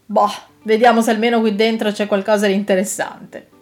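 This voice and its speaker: A woman's voice: mid-range voice, level tone, a little fast, darkish tone, faint music behind, natural voice. A woman voicing a clumsy, good-natured male dragon in a storybook reading, with a bewildered, stammering manner. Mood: puzzled.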